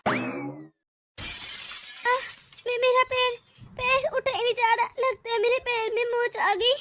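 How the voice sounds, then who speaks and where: A woman's voice: very high-pitched, flat delivery, normal speed, fairly bright tone. A woman voicing a domineering, scheming middle-aged mother-in-law in a cartoon, scolding and sarcastic. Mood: fake pained. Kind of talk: animated cartoon voice acting.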